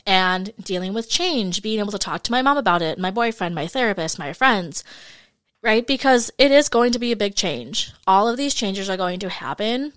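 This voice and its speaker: Podcast host, woman, mid-20s, chatty and candid, clear smooth tone, dry close mic. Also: mid-range voice, animated, moderate pace, a bit bright, no room sound. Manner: chatty, frank, fillers like "like" and "you guys". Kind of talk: casual solo podcast monologue.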